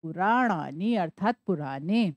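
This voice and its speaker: Slow, lively woman teacher, spelling aloud. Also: fairly low pitch, dry recording. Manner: spells words out slowly letter by letter, asking and answering her own questions. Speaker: Sanskrit teacher. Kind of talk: classroom explanation.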